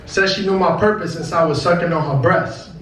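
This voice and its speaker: A man's voice: on the high side, steady tone, a little fast, a bit bright. Echoey young man reading poetry aloud. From Brooklyn, New York. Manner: rhymed, cadenced, emphatic delivery. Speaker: spoken word poet. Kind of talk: poetry reading, rhythmic spoken word performance. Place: indoor cafe stage before an audience. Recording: echoey live venue, distant mic, faint noise.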